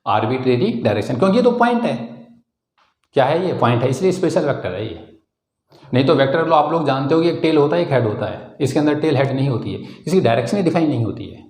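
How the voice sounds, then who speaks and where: A man with an Indian accent teaching a physics class, explaining step by step, calling students "beta" and slowing down to dictate definitions. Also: medium pitch, expressive, darkish tone, echoey room. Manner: slow, spelled-out dictation of definitions. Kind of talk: classroom lecture.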